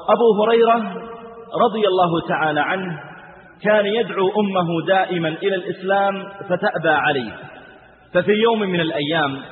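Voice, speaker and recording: High-voiced male preacher, tinny echoing hall. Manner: dramatic storytelling, raises voice for cries, chants verses. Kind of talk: sermon storytelling. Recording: tinny phone-like sound with hall reverb and faint noise.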